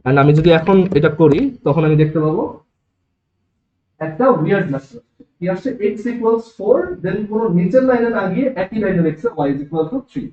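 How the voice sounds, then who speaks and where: A man with a Bangladeshi Bengali accent lectures a room of students, walking them through each step and checking they follow. His voice sits high. The room is echoey and the recording sounds dull and lo-fi. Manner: explains step by step, asks the class checking questions. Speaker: programming teacher. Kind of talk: classroom lecture. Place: classroom.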